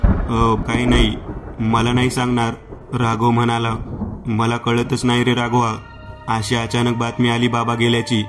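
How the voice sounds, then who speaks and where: A man's voice: mid-range voice, monotone, a little slow, music in the background. A man with a Marathi accent narrating a horror story in a scripted storytelling style, voicing all the characters himself.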